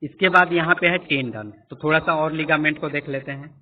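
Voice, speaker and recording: Brief: male teacher, somewhat high voice, repetitive explanatory lecture style, phone-quality sound. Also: brisk. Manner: explanatory, repeats points and quizzes listeners. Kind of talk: classroom lecture with screen annotation. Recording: tinny phone-like audio.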